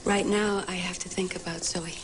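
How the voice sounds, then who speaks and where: An actress playing a wistful, caring mother in a naturalistic TV movie, with a soft, hesitant manner. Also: fairly low pitch, steady tone, normal speed, natural voice, rough recording. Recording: music behind dialogue.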